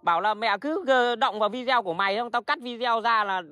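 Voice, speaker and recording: A man's voice: extremely high pitch, brisk, bright, forceful tone, no echo, clean studio sound. A man hosting a casual livestream, talking bluntly and rambling with restarts and frequent swearing. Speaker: livestream host selling plants.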